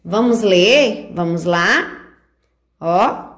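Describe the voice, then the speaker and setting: Slow-talking woman teaching preschoolers. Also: medium pitch, expressive, fairly bright tone. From Brazil. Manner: slow, sing-song teacher talk with diminutives, guiding each stroke. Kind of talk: remote handwriting lesson for young children.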